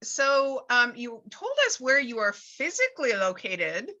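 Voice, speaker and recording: A woman's voice: a little high, sing-song, measured pace, bright, forceful tone. A woman hosting an interview, upbeat and asking questions with rambling restarts. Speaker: interview host. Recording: dull online call audio.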